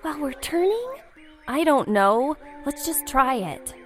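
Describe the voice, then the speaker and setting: A man voicing anxious teenage girls in a spooky storybook, raising his voice high and sounding worried. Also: big pitch swings, a little slow, heavily acted.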